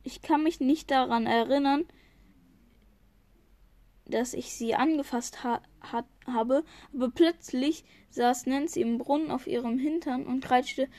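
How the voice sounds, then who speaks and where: Woman, higher voice, amateur read-aloud of a novel, frequent slips and restarts, dry close recording. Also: a little slow, darkish tone, dry recording. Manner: stumbles and restarts often. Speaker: reader.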